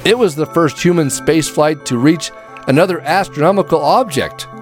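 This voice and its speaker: A man's voice: a little high, moderate pace, soft background music. A man reading a scripted narrative as a storyteller, with dramatic, folksy phrasing.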